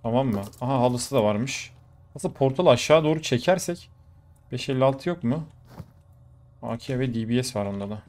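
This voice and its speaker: Excitable man commentating a shooter game. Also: medium pitch, moderate pace. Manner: excitable, swears and exclaims mid-fight. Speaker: gaming YouTuber. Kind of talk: live gameplay commentary. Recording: faint game noise behind. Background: gunfire from the game.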